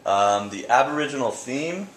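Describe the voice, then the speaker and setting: A young man from Canada talking casually about his paintings at his gallery show, relaxed and rambling, with fillers and restarts. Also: medium pitch, moderate pace, noisy background. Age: young adult. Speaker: painter interviewed at his exhibit. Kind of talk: casual interview answers. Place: art gallery indoors. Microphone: handheld camera close by. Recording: echoey gallery room.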